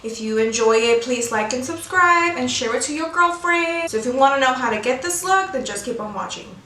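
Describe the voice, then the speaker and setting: High-voiced, bright and a bit pushed, this young American beauty vlogger talks animatedly and slightly fast. She chews gum through a casual, slang-filled makeup tutorial, recorded in an echoey room with faint background noise.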